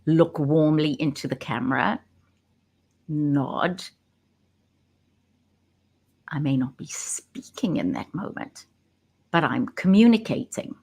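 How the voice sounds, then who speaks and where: A woman who works as a communication coach, talking straight into her camera and stressing key words with pauses. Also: low-pitched, expressive, gravelly, a little mellow, husky. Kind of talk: direct-to-camera talk. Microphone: webcam.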